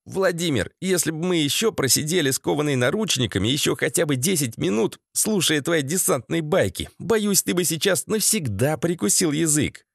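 Fussy scheming officer played by a man, high-ish voice, formal and wheedling. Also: big pitch swings, normal speed, creaky, no room sound, studio quality, heavily acted. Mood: prim. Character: prim, scheming male secret-police officer.

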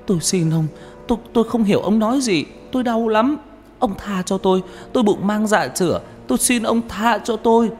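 A man's voice: sits high, a little fast, darkish tone, pitched above the performer's own voice, close to an everyday voice. A man voicing a terrified pregnant young woman who stammers and begs, in an audiobook with reverb and background music. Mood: frantic pleading. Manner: pleading, stammering, frantic.

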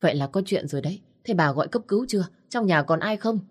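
A middle-aged male neighbor, roused from sleep and quickly alarmed, fires off brisk questions and calls out loudly, voiced by a woman narrator. The voice stays low and quick in this storybook telling. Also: expressive, husky. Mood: urgent.

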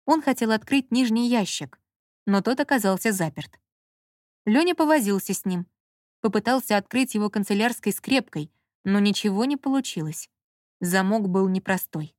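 Женщина читает аудиокнигу, сухо. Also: female voice, mid-range voice, animated, moderate pace, a little mellow, no room sound, studio quality. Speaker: narrator. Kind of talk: audiobook narration.

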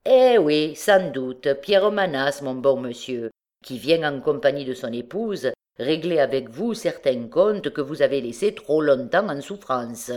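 A woman's voice: extremely low pitch, expressive, unhurried, darkish tone. A woman voicing a male ex-convict bandit who threatens with mocking, overly polite menace, in an audiobook reading. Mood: menacing, mocking.

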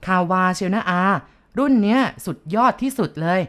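A woman's voice: medium pitch, expressive, normal speed, fairly bright tone, close to an everyday voice. A woman voicing a cheerful young man who brags eagerly about his new motorbike. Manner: eager, bragging. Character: young male motorbike fan, cheerful and boastful.

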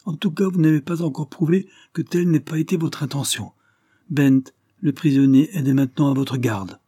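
A man's voice: fairly high pitch, moderate pace, mellow, slightly rough, no echo, studio quality, pitched above the performer's own voice. A man voicing a stern older squire who speaks harshly and with mockery, in an audiobook reading. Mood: scornful. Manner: harsh, curt, mocking.

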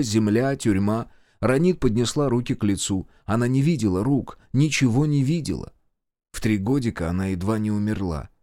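A man narrating a horror audiobook in a dramatic, expressive way. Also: lowish voice, no echo, clean studio sound. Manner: dramatic, acts out characters.

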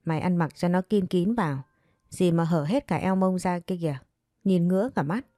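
Lady reading as a bossy jealous mistress, low warm voice, snaps and threatens, storybook reading. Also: normal speed, dry recording, studio quality, lightly acted. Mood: scolding. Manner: scolding, threatening, sharp-tongued. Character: harsh jealous young mistress of a household.

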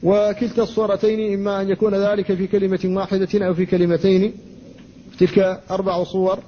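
A man, an Islamic scholar, giving a classroom lecture on Quran recitation. He explains rules at a measured teaching pace, recites verses slowly and stops to answer students. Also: sits high, completely flat delivery, warm tone. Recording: dull lo-fi lecture recording with faint noise.

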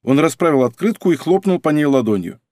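A man narrating an audiobook in an expressive, scripted reading style. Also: fairly high pitch, brisk, dry recording, clean studio sound. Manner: expressive, character-acting reader.

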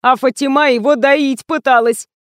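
A woman's voice: sits high, fairly even intonation, normal speed, no room sound, clean studio sound, voice pushed up, natural voice. A woman voicing a blunt male camera operator who snaps back and mocks the others, in a storybook reading. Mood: gleeful. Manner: curt, snapping, mocking.

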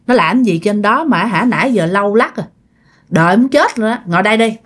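A woman's voice: medium pitch, animated, fairly quick, lightly acted. A woman voicing a friend who bossily scolds the group in a ghost story. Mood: irritated. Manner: bossy, blunt. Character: impatient young woman scolding her friend.

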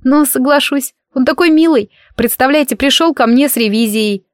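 A woman voicing a dreamy, playful young light witch who talks in a chatty, coy, drawn-out way. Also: high-pitched, dry recording, studio quality, pitched above the performer's own voice, natural voice.

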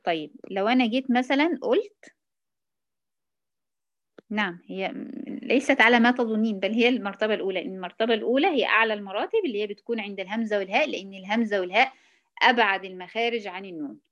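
A woman's voice: mid-range voice, very fast, fairly bright tone, muffled recording. A woman with an Egyptian accent teaching Quran recitation rules, patiently quizzing and praising her students. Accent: Egyptian Arabic. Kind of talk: online tajweed lesson.

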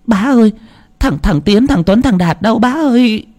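A man's voice: high-pitched, lively intonation, moderate pace, darkish tone, voice pushed up. A man putting on a wailing frantic mother. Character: distraught village woman searching for her son.

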